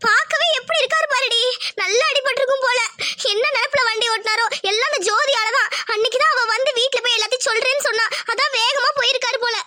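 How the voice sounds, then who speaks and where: A woman voicing an anxious young wife in a cartoon, pleading and tearful in rustic speech, with a pitched-up voice. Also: quick pace, noisy background. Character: anxious, devoted young wife of an injured man.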